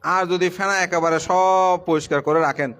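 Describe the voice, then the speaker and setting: Man preaching, voice dropping low on each point. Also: fairly even intonation, normal speed, a bit bright. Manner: plain conversational preaching, pitch drops at the end of points. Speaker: Buddhist monk. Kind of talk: sermon to lay followers.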